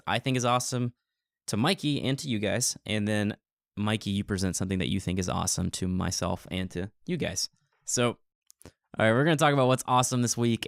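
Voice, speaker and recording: A man co-hosting a podcast in casual chat, excitable and playfully teasing. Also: lowish voice, gravelly, dry recording, clean studio sound. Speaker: podcast co-host.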